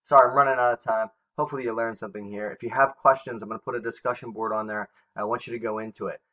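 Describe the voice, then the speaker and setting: Lower-voiced man teaching a history lesson. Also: steady tone, rapid-fire, sharp tone, low-quality recording. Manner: conversational, with fillers and self-corrections.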